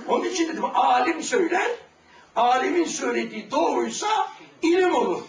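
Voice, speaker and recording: A very high-pitched man with a lively, swooping delivery tells stories to young listeners, often breaking into a shout and acting out the dialogue. He sounds distant from the mic in a roomy, echoing space. Steady background noise runs under his voice. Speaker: religious storyteller giving a talk. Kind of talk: anecdotal religious talk to young listeners.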